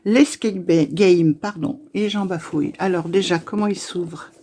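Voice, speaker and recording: A woman chatting casually to her viewers as she unboxes things, talking with many pauses, fillers and restarts. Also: fairly low pitch, background noise. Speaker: YouTuber opening advent calendars. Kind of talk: casual unboxing chat to camera.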